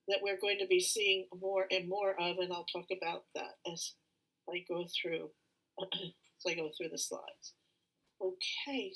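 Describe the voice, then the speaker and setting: A middle-aged woman, a feng shui consultant, gives a slide presentation with many fillers and a lot of throat clearing. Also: medium pitch, a bit bright, rough recording. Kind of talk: live online presentation with slides.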